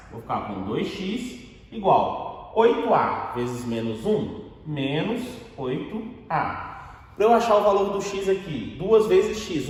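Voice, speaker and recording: A man's voice: on the high side, a little mellow. A man teaching a math lesson step by step, asking and answering his own questions. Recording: very echoey room with long reverb.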